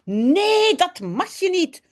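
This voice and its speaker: A woman reading aloud the lines of a cross little girl guarding her dollhouse, in a slow, deliberate way. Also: very high-pitched, big pitch swings, pitched above the performer's own voice, exaggerated voice. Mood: scolding. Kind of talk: reading a children's story aloud.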